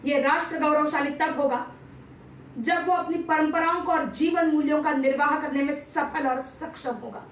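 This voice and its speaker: Speaking at a moderate pace with a high, fairly even voice, an amateur performer delivers a dramatic TV serial monologue. She takes the role of a stern, patriotic male teacher-statesman of ancient India, in solemn, formal, oratorical style. The distant mic gives a roomy sound with faint background noise.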